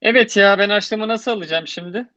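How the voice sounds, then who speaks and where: Radio drama: man as casual cheeky grandson, lightish pitch, dry muffled sound. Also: fairly quick, pushed and bright, no echo. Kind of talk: Turkish radio theatre acting.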